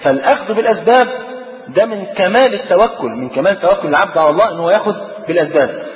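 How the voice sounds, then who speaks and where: A man with an Egyptian Arabic accent gives a religious lecture, talking rapidly and putting rhetorical questions to his listeners. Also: high voice, animated. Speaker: preacher. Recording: tinny phone-like recording in an echoey hall.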